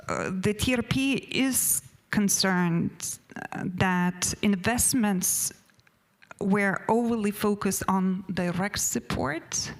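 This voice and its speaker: A woman with a mid-range voice and a Lithuanian accent, not a native English speaker, gives a conference panel presentation from notes. She hesitates often and restarts many of her sentences.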